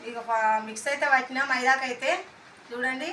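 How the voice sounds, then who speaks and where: A young woman rambles chattily through a home vlog, filling her talk with fillers. Her voice sits fairly high and sharply bright, though a stuffy cold and sore throat show through. Faint hiss lies under it. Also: steady tone, fairly quick. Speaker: vlogger and mother. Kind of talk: casual home vlog narration.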